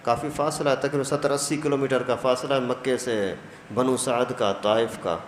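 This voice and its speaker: A man preaching a storytelling sermon who acts out the dialogue as he goes. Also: medium pitch. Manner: animated, acts out quoted dialogue. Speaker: preacher, mufti. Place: mosque hall. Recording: echoey mosque hall, faint noise.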